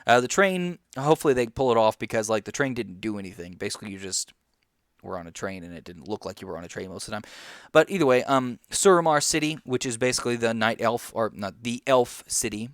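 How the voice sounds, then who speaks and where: Guy rambling about a game expansion, smooth clear voice, dry close mic, lots of ums. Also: mid-range voice, animated, quick pace, fairly bright tone, no echo. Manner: rambling, lots of ums and uhs, chewing gum. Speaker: gaming commentator. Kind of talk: casual video game commentary.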